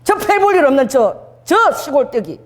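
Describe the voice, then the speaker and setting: A woman's voice: high voice, sing-song, moderate pace. A woman pastor preaching a sermon, exhorting her congregation and having them repeat phrases after her. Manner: voices God's words in first person.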